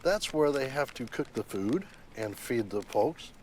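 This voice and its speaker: A man speaking as a sheriff in a documentary interview, calmly laying out facts and figures. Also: mid-range voice, unhurried, slight background noise. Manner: matter-of-fact, explains with figures.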